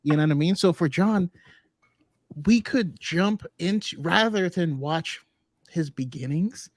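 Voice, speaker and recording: A man with a slightly higher voice talks through a close mic with a dry, roomless sound. He muses and chats at an easy pace, laughing along with his co-hosts. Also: measured pace, no room sound. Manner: thoughtful, chatty, laughs along. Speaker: podcast co-host. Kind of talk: casual chat.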